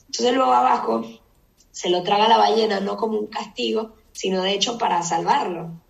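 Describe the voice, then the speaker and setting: A woman teaching a Bible study group, retelling the story in a lively casual way and putting questions to the listeners. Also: mid-range voice, moderate pace, creaky. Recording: echoey room, distant mic.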